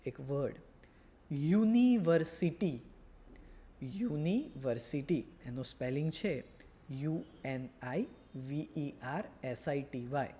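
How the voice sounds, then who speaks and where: A man's voice: a little high, warm tone. A man with a Gujarati accent teaching a beginner grammar lesson, patiently repeating words and checking understanding. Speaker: English teacher.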